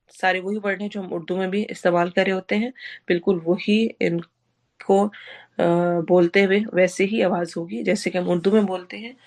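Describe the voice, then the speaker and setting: A woman teaching a tajweed lesson. She explains rules step by step, drags out recited words syllable by syllable, and puts questions to the class that she then answers herself. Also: medium pitch.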